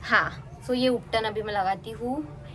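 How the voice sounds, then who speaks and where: A young woman chatting fast in a casual home vlog, talking into a handheld phone. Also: on the high side, heavy background noise. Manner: chatty, mixes in English words. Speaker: vlogger. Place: at home, indoors and on a terrace.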